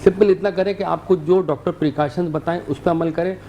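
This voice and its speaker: A man with a Pakistani accent, a doctor guest calmly explaining medical advice on a TV show. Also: a little high, brisk, dull audio, a little hiss or hum. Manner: calm, explanatory.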